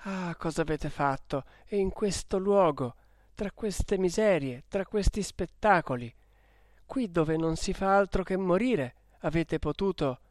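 A man reading an audiobook who voices a gentle, devout young woman, pleading in distress. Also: sits high, lively intonation, a little slow, no room sound, studio quality. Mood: anguished pleading. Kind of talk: audiobook character voice.

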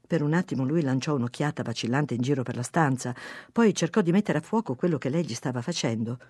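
An audiobook reader narrating a story in a calm, expressive way, with a lively, varied pitch. The recording is dry and close to the mic. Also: fast, slightly rough, no echo. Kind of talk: scripted narration.

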